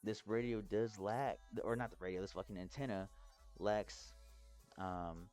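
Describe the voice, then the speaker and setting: A man from Texas giving a casual, rambling explainer vlog as a hobbyist, sounding drunk, halting and swearing freely. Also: fairly low pitch, fairly even intonation, darkish tone, soft background music. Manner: tipsy, rambling drunk talk with halting phrases and heavy swearing. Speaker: hobbyist presenter.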